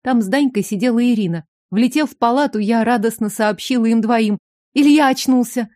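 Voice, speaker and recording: A woman reading a novel aloud in first person, measured and even. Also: a little high, no room sound, clean studio sound. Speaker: audiobook narrator. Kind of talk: first-person audiobook narration.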